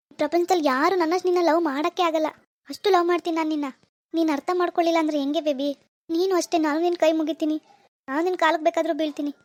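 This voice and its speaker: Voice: high-pitched, darkish tone, no echo, close to an everyday voice. A performer voicing a pushy young man who stalks a schoolgirl in a cartoon, syrupy one moment and menacing the next. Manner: menacing and syrupy, calls her baby. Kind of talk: Kannada cartoon voice acting.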